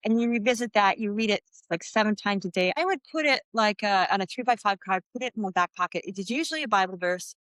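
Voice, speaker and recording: A middle-aged woman from the US West Coast, a podcast guest telling a heartfelt personal faith story and slowing down for emphasis. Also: medium pitch, lively intonation, a bit bright, no room sound. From Santa Barbara, US.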